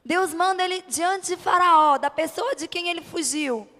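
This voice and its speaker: A church bishop preaches an impassioned youth-event sermon before a congregation, her high voice carrying a Brazilian accent. She speaks at normal speed, pushed and bright, leaning on rhetorical questions and short repeated phrases, while the long reverb of a large hall rings around her.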